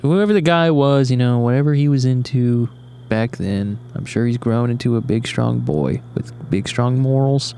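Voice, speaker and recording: A young man with a gravelly, fry-edged voice co-hosts a podcast, drifting through his thoughts in a laid-back, rambling way and swearing freely. He is recorded outdoors in the woods at night, and his voice sits at an ordinary middle pitch. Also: moderate pace, few pauses, warm tone, a little hiss or hum. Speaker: podcast co-host. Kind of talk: casual chat.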